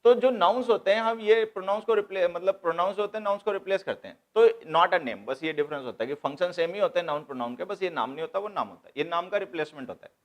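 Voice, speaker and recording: A man's voice: high voice, animated, fast talker, few pauses. A man teaching English grammar to exam students, explaining step by step and repeating key points. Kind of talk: classroom lecture.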